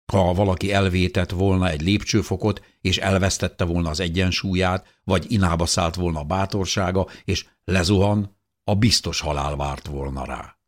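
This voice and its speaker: A man reading a first-person audiobook narration in an expressive voice that rises with tension. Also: deep voice.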